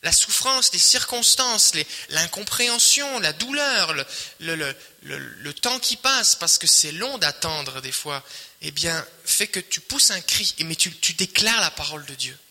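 Male pastor, high and very bright voice, emphatic repeating sermon delivery, long hall reverb. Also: lively intonation, unhurried. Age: adult, married. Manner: emphatic, repetitive preaching with swells and quiet drops.

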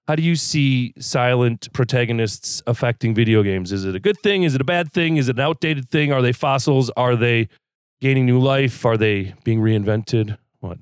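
A man hosting a casual podcast, wry and measured, putting many questions to his guests. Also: mid-range voice, clear, resonant tone, dry recording, studio quality. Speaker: podcast host.

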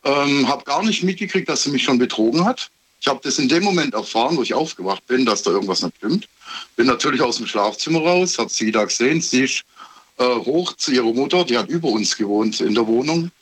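A man's voice: medium pitch, expressive, a little fast, slightly rough. Hesitant male caller from Heilbronn. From Heilbronn, Germany. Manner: hesitant, many fillers and restarts. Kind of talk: recounting a personal story on a call-in. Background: radio playing quietly.

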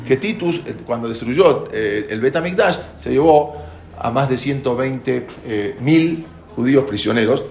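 A man's voice: mid-range voice, creaky, roomy sound, a little hiss or hum. A man giving a spoken Torah lesson to a class, explaining with many restarts and rhetorical questions. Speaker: rabbi teaching a class.

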